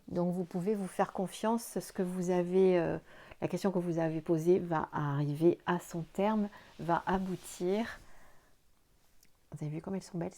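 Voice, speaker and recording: A tired woman talks through a tarot reading to camera at an easy pace. She sounds gentle and reassuring, now and then stumbling over her words and restarting. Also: on the low side. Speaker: tarot card reader.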